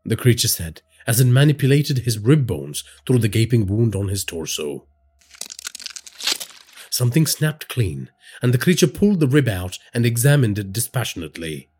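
Brief: a male horror storyteller with a husky voice and dramatic delivery. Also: mid-range voice, normal speed. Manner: dramatic storytelling with lively inflection. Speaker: narrator. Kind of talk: scripted horror narration.

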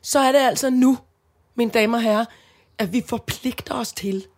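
Earnest Danish woman, halting speech. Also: on the high side. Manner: earnest, halting, many restarts and fillers. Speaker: podcast co-host. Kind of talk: casual chat.

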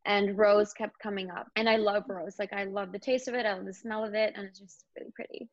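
A young Indian woman, an actor appearing as a guest, chats casually about her acting work in a loose, talkative way, dropping "like" constantly. Her mid-range voice holds steady and moves a little quickly. The recording is dry with no echo, though it sounds slightly dull and lo-fi.

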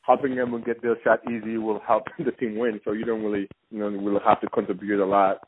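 A young man from Senegal, a former basketball player, talking as a phone-in guest in a halting way with frequent restarts. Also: lowish voice, level tone. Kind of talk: casual phone interview. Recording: tinny phone line with faint hiss.

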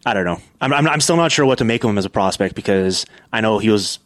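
A man hosting a casual sports podcast chat, talking quickly with lots of filler words. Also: on the low side, expressive, a bit bright, dry recording, clean studio sound. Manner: fast, chatty, filler-heavy. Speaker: podcast host.

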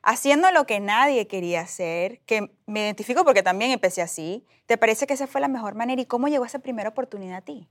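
Woman host asking questions, highish voice that moves around a lot. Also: expressive, fast talker, few pauses. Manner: engaged, prompting with follow-up questions. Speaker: interviewer. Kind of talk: conversational interview.

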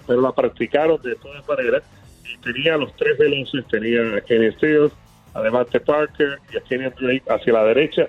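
Male analyst calling in, phone-line sound, husky voice, excitable storyteller. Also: medium pitch. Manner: animated storyteller, frequent fillers and restarts. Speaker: team analyst, guest on phone.

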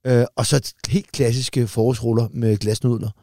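A man's voice: mid-range voice, steady tone, warm tone, no echo, clean studio sound. A man, co-hosting a podcast, chatting casually in a blunt, crude and joking way. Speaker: podcast co-host, comedian. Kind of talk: casual banter.

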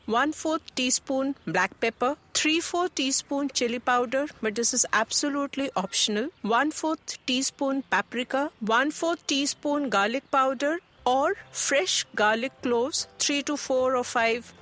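A woman's voice: high-pitched, fairly bright tone. A woman with an Indian accent playing a helpful, health-conscious mother in a scripted chat, instructive and mixing Hindi into English. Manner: chatty, instructive, Hindi-English code-switching. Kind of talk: scripted conversational dialogue. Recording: music bed under the voice.

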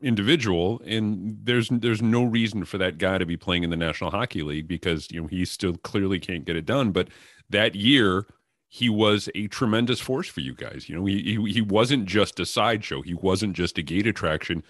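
A man's voice: low-pitched, normal speed, a bit bright, no room sound, studio quality. A male podcast host asks thoughtful questions of a guest. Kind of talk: interview questions.

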